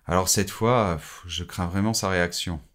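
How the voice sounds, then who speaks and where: A man's voice: sits low, moderate pace, a bit bright. A man playing an anxious young father pleading with a coworker in a scripted French lesson dialogue. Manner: pleading, apologetic.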